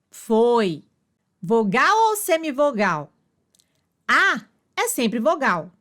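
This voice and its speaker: A woman teaching a grammar lesson at a very slow, deliberate pace, breaking words into syllables. Her voice sits a little high and moves a lot in pitch from word to word.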